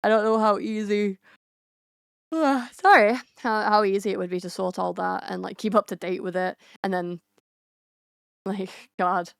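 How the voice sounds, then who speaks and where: A woman's voice: mid-range voice, steady tone, measured pace, gravelly, clear, resonant tone, no echo, clean studio sound. A woman streamer chatting casually with her viewers, rambling with lots of fillers and restarts.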